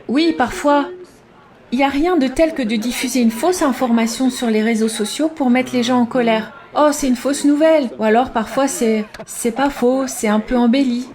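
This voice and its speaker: A candid intelligence contractor voiced by a woman in a conversational dub. The voice sits fairly high. The delivery is offhand and matter-of-fact, like someone explaining office routine. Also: normal speed, darkish tone, natural voice. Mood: casual, candid. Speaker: voice-over dub of an interviewee.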